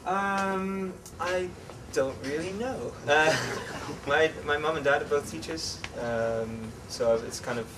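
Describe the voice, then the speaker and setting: A young English-born man raised in the Netherlands, talking as an interview guest in a relaxed, chatty way with many fillers and restarts. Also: on the high side, slow, hardly any pauses. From England, raised in the Netherlands. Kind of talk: casual interview chat. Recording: distant mic with clear background noise.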